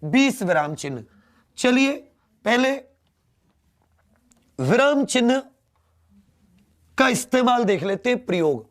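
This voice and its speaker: A man's voice: very high-pitched, very animated. A man teaching a Hindi grammar lesson, repeating key words and asking them back to the students. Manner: slow, drawn-out delivery.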